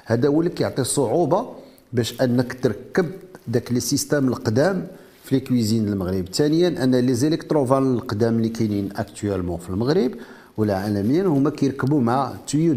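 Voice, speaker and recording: A man's voice: mid-range voice, warm tone. A man with a Moroccan Arabic accent explaining and demonstrating a product in an interview, mixing French technical terms into his speech. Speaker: inventor presenting a product.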